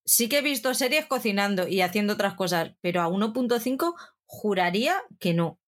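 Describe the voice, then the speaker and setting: A woman, co-hosting a TV podcast with quick, mock-indignant protests. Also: medium pitch, expressive. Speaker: podcast co-host. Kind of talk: casual chat about TV series.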